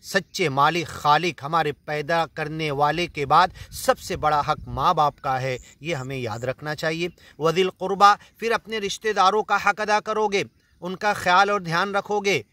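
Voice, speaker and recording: A man's voice: on the high side, fairly even intonation, sharp tone, no echo. A man from India with an Indian Urdu accent, earnestly explaining Quran verses in a sermon, reciting Arabic lines and then paraphrasing them. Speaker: Quran teacher.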